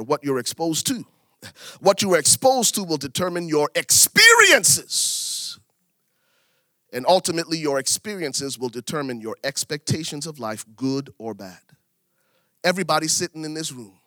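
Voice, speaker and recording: A middle-aged preacher from Liberia delivers his sermon in a bright, forceful voice that sits a little high for a man. He leans on repetition, swinging his pitch and volume widely to drive each point home. The sound is close and dry. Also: dry recording. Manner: preaching with big swings in pitch and volume, repeating phrases for emphasis. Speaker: pastor.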